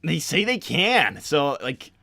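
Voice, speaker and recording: A man's voice: fairly high pitch, very animated, takes it slowly, vocal fry, bright, forceful tone, no room sound, faint music behind, exaggerated voice. A man voicing a laid-back, unsure young cartoon hedgehog hero, chatting casually in character with a hesitant slacker drawl. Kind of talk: improvised in-character livestream chat.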